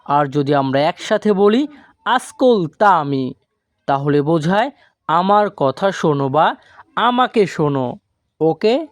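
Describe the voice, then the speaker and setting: A man teaching a language lesson from a script, slowly and deliberately, drawing out each foreign word. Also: a little high, expressive, no room sound, clean studio sound. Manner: slow and deliberate, stretches out foreign words.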